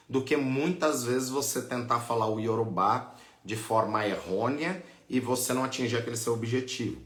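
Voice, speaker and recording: A man's voice: mid-range voice, a bit bright, roomy sound. A man with a Brazilian accent, a priest and teacher explaining patiently as he answers questions on a live lesson. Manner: patient, explanatory, adds "né?" and "tá?" often.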